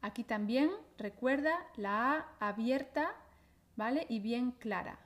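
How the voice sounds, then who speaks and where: A woman from teaching pronunciation in a podcast, repeating syllables slowly and clearly in an encouraging way. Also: a little high, lively intonation. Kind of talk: slow, careful pronunciation lesson. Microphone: podcast microphone.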